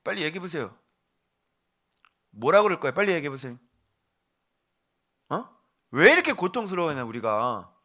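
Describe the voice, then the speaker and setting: Animated middle-aged man preaching. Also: on the high side. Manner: animated, quizzes the congregation directly; drops to a hushed, slow voice for key words. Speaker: pastor. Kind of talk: morning devotional sermon.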